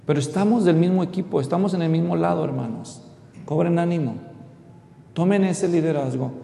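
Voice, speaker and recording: A man's voice: creaky, warm tone. A middle-aged man preaching an expository sermon, telling family stories and speaking straight to the congregation. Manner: storytelling, addresses the congregation directly. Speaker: pastor. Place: church hall. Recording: echoey hall with faint rumble.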